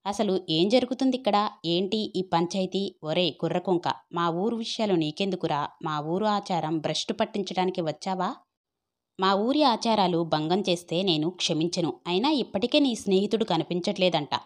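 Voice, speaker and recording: A woman's voice: on the low side, moderate pace, natural voice. A woman voicing a stern older male village holy man who scolds and gives commands in a story read aloud. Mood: angry commanding.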